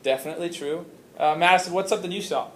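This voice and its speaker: A man's voice: a little high, rapid-fire, a little hiss or hum. A man teaching a class, asking questions and praising students' answers. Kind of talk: classroom lesson. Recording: roomy classroom, mic far off.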